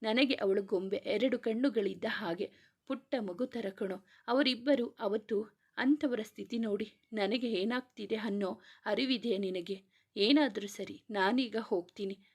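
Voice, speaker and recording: A woman's voice: mid-range voice, a little slow. A woman voicing a grieving young man who urgently pleads to see his sister, in a read-aloud romance story. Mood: pleading. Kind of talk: reading a serialized romance novel aloud.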